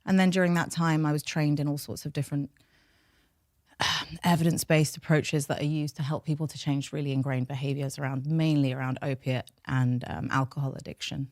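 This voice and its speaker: Speaking fairly quickly in a low-pitched voice, this woman, a behaviour change scientist with a London accent and Farsi as her first language, is interviewed on a podcast. Her storytelling is candid, reflective and frank, unfolding in long, steady sentences. The sound is dry and clean, studio-grade.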